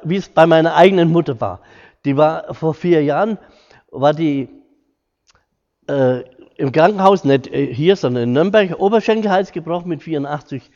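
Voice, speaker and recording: A middle-aged man gives an informal lecture drawn from his hospital work, earnest and homely, acting out quoted dialogue in his personal stories. His voice is fairly high with a darkish tone. The sound is dull and lo-fi, echoing in a hall.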